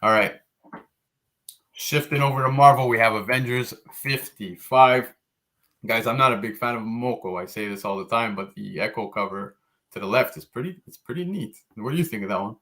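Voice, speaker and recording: A man's voice: medium pitch, normal speed, a bit bright. A man hosting a casual comics podcast, talking enthusiastically about covers with lots of fillers. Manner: laid-back, enthusiastic, frequent fillers. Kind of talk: casual chat.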